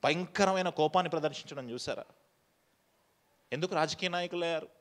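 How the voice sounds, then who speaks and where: A man's voice: fairly high pitch, brisk. A male pastor giving a sermon, firing rhetorical questions at the congregation and dropping English phrases into his preaching.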